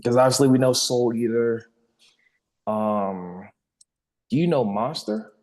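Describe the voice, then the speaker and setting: A man's voice: medium pitch, lively intonation, slow, darkish tone. A young adult man hosting a podcast in casual, informal chat, often repeating words as he argues and recommends things. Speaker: podcast host. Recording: long reverberant room echo.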